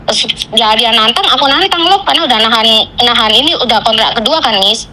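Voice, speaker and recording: Woman caller, high and bright, rushed venting. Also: animated, slight background noise, low-quality recording. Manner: venting, tells a story in rushed fragments with Javanese fillers. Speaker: caller, migrant domestic worker. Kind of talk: casual chat.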